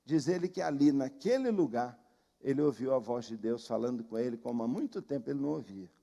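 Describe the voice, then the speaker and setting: A man's voice: medium pitch, lively intonation, a little fast, vocal fry, mellow, big-room sound. A man with a Brazilian Portuguese accent preaching a sermon, telling a story emphatically and repeating phrases for effect. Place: church.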